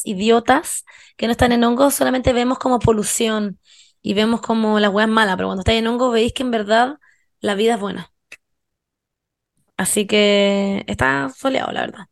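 A woman's voice: a little high, normal speed, gravelly. A young woman with a Chilean accent telling a story to friends in a casual, slangy chat, acting out what her friends said. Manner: animated, slangy, acts out quoted friends.

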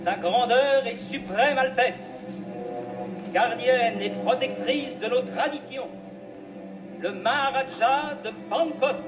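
An actor playing a solemn male herald who slowly proclaims a maharaja's titles in a film clip. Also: very high voice. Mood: ceremonial. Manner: slow ceremonial proclamation. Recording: distant echoey film clip with music.

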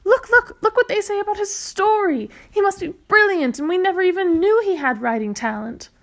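A woman reading aloud, voicing an excitable, flustered mother in a children's storybook with a breathless, gushing manner. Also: high-pitched, normal speed, pitched above the performer's own voice.

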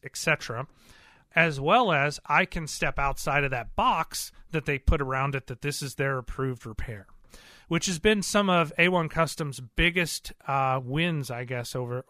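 A man talks shop about car repairs in a bright, forward voice that sits a little high for a man. He is earnest and plain-spoken and rambles on with fillers and restarts. The room is dry, with no echo. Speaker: auto repair shop owner. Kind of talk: casual interview talk.

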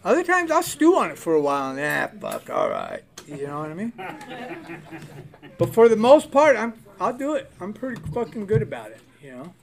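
An older man tells his recovery story in a blunt, profane way, swearing freely and laughing at his own past. His voice sits a little high for a man. He talks like a plain-spoken man sharing hard-won lessons. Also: huge pitch swings, fairly quick. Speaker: recovery speaker. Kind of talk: candid personal testimony.

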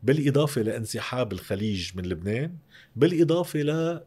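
A man's voice: mid-range voice, lively intonation, fast talker, dark tone, slightly rough. A man with a Lebanese Arabic accent explaining economic matters emphatically as an interview guest, often posing rhetorical questions.

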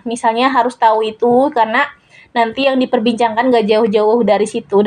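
A young woman hosting a casual solo podcast, chatting in a rambling way with many fillers and self-corrections. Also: a little high. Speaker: podcast host.

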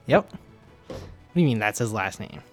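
A man's voice: on the low side, very animated, a little slow, loud music behind the voice. A man co-hosting a comedy podcast, dry and teasing in casual chat. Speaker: podcast co-host.

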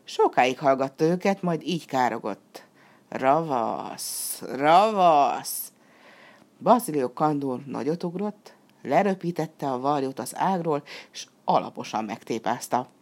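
A woman reading a fairy tale aloud, her voice low and rich. She narrates with lively, expressive swings in pitch, bringing the story along warmly.

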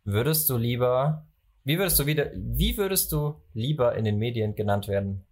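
A young man from Germany hosting a casual football chat, opinionated and animated when he makes a point. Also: medium pitch, normal speed. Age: young adult. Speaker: podcast host.

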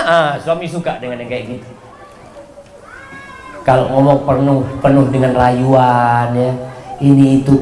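A man preaching a sermon in an animated way, swinging his pitch and volume for emphasis. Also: echoey room.

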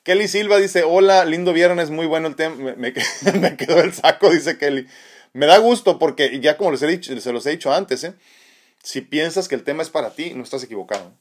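A man's voice: fairly high pitch, a little fast. A man hosting a live stream, reading viewer comments and talking reflectively about faith, with frequent tag questions and restarts. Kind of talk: casual spiritual live chat. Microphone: phone.

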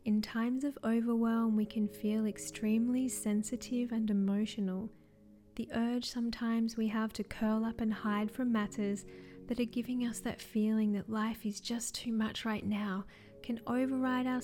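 A woman wellness coach reading scripted guidance in a soft, soothing, measured way. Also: on the high side, fairly even intonation. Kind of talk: scripted wellness narration, guided relaxation. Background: music.

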